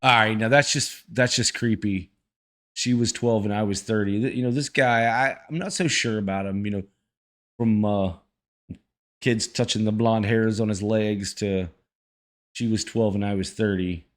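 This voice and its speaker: A man's voice: lowish voice, steady tone, normal speed. A man giving casual, folksy reaction commentary as the host of a video channel.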